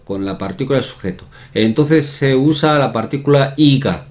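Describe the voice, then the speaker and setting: Guy teaching a grammar lesson, talks slow, says everything twice and keeps tossing in little tag questions. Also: medium pitch, a little mellow. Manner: repetitive, checks in with tag questions. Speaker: Korean language teacher. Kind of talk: explanatory online lesson.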